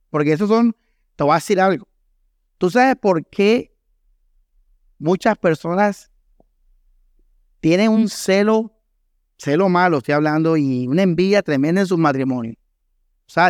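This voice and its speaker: A man's voice: on the high side, no room sound, studio quality. Emphatic preaching man, Colombian coastal accent. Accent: Colombian Caribbean Spanish. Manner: emphatic preaching with rhetorical questions to the congregation. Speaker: pastor. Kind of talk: sermon. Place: church hall.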